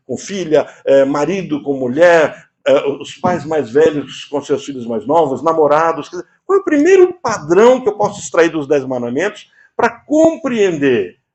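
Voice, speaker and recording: A man from Brazil preaching a sermon, moving from low quiet asides to high emphatic lines. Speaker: preacher and therapist.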